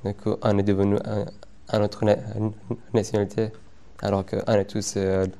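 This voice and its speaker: A man's voice: lowish voice, monotone, warm tone. Stuttering young man. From Afghanistan. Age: young adult. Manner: stutters, many repeated words and pauses. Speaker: interviewee. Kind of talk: testimony interview.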